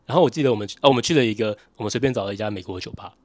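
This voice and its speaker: A young man with a Taiwanese Mandarin accent chats casually at a brisk clip. His voice is on the low side and sounds close and dry, and he grumbles in a wry, joking way as a podcast co-host. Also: a little mellow, dry recording. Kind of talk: casual chat.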